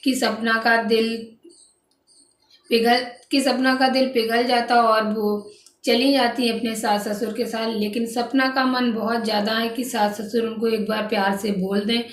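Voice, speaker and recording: A woman's voice: on the high side, little pitch movement, unhurried. Chatty woman vlogger in echoey room. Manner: chatty, repeats "guys", frequent restarts. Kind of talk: casual gossip narration to viewers. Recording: echoey room, distant mic, faint background noise.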